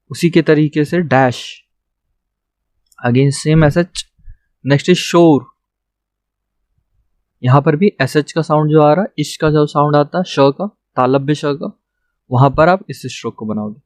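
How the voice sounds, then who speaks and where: A man's voice: a little high, moderate pace, no room sound. A young man patiently teaching a shorthand lesson, checking in with "theek hai" after each point. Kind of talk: classroom lesson.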